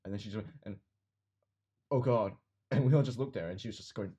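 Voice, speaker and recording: A man's voice: fairly low pitch, racing, dark tone, slightly rough. A teenage man co-hosting a casual podcast chat, joking crudely and laughing a lot. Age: teens. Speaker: podcast co-host.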